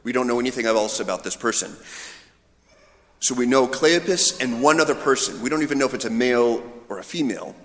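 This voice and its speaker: Here a male priest delivers an informal, conversational sermon like a storyteller, voicing imagined dialogue. His medium-pitched voice is expressive and brisk, wrapped in the long reverb of an echoey church hall.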